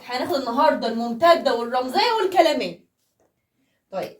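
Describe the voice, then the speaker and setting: High-voiced Egyptian woman teaching math. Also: expressive, quick pace, reverberant, distant mic, a little hiss or hum. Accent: Egyptian Arabic. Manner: playful, chatty, with frequent rhetorical questions. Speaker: primary school math teacher. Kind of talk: casual classroom explanation to young children.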